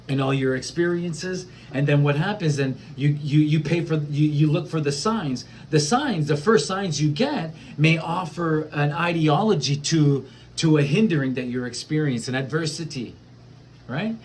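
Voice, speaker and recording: A man's voice: on the high side, a little hiss or hum. Rambling man musing on spiritual experience. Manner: rambling, many fillers and restarts. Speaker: spiritual vlogger. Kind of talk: casual spiritual monologue.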